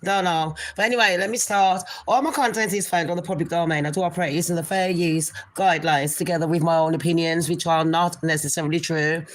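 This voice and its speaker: She talks fast with a lowish, nasal voice and a steady tone, barely pausing as she rambles through a casual gossip livestream. Chatty throughout, she calls her viewers people and darlings.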